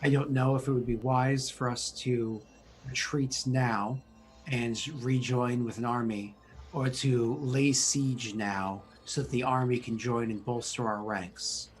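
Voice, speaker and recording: A man playing a tabletop game, speaking deliberately and in measured, formal wording as he acts in character. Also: mid-range voice, fairly even intonation, poor audio.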